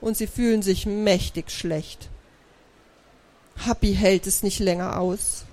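A woman author reads her children's book aloud to a live audience, bringing lively storytelling to it in a medium-pitched voice.

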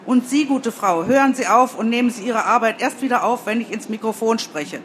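Woman doing a bossy shrill TV reporter. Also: a little hiss or hum, close to an everyday voice. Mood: commanding. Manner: commanding, brisk, self-important. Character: bossy young female TV reporter.

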